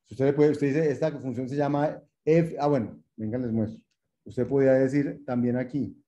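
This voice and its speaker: A man's voice: mid-range voice, fairly even intonation, normal speed, warm tone. A man teaching a programming class, explaining patiently and repeating himself, checking in with students while he types code live. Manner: patient, repetitive explaining with rhetorical check-ins; addresses students formally, thinks aloud while typing. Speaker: programming lecturer. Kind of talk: lecture with live coding.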